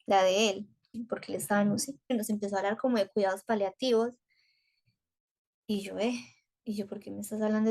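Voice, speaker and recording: A young woman from telling a personal story as a podcast guest, quick and repetitive, often acting out her own thoughts in quotes. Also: fairly high pitch. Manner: rapid, repetitive, animated retelling with quoted inner speech. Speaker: guest, mother.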